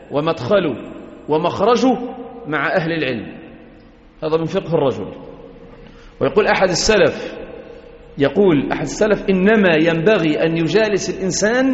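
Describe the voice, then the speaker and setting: A man preaching a sermon, earnest and exhorting, often asking his listeners rhetorical questions. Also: on the high side. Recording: echoey hall, dull lo-fi sound.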